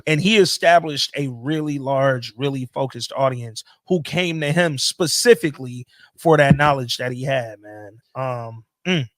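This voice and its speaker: A man's voice: mid-range voice, measured pace, no room sound. A male podcast host talking loosely and emphatically in casual chat, swearing freely.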